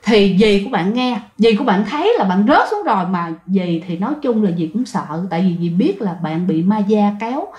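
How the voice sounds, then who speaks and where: A woman's voice: medium pitch, sing-song, a little fast, few pauses, a little mellow, lo-fi sound. A woman telling a ghost story, chatting directly to her listeners. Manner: conversational, addresses listeners directly. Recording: roomy echoey recording.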